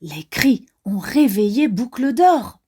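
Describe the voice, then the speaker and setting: A woman reads a picture book aloud to young children, slow and carefully paced. Her voice sits high and swings through wide, lively melody. She talks softly and gently, as if to a child beside her. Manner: slow, expressive, sing-song reading. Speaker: children's storyteller. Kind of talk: read-aloud storytelling for children.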